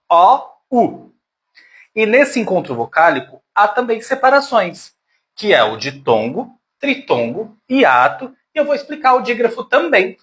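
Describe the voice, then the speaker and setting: A man's voice: a little high, a bit bright. A man teaching a grammar lesson to his pupils, patient and affectionate, sounding words out syllable by syllable.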